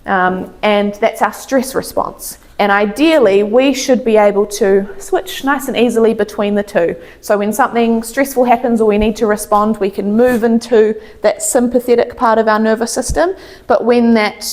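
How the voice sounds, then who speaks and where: A woman's voice: a little high, fairly even intonation, moderate pace, darkish tone. A woman chiropractor presenting an informal educational talk, explaining things in simple, everyday terms. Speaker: chiropractor giving a health talk.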